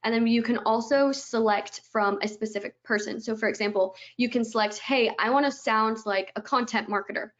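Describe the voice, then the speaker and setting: Upbeat woman walking through software, lo-fi. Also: fairly high pitch, a little fast, hardly any pauses. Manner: eager explaining, strings steps together with "and then". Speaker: guest presenting her software product. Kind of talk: webinar product walkthrough.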